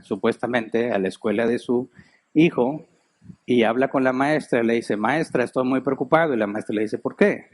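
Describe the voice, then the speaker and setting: A man's voice: medium pitch, a little mellow. A middle-aged man with a Mexican Spanish accent, a pastor giving a sermon in a chatty, storytelling way. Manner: storytelling, conversational, laughs while telling anecdotes. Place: church.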